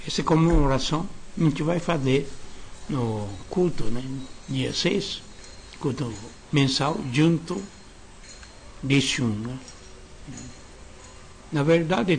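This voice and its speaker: A reverend giving an earnest sermon-style lecture, speaking in short broken phrases, repeating key words and tagging sentences with questions. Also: male voice, fairly high pitch, takes it slowly, long pauses, a little hiss or hum.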